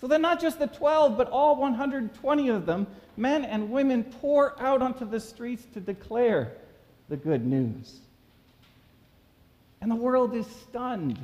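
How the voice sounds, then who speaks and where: A man preaching a sermon as pastor, reading scripture aloud and then telling a story with animated emphasis, recorded in a church sanctuary. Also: very high-pitched, unhurried. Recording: church with long reverb.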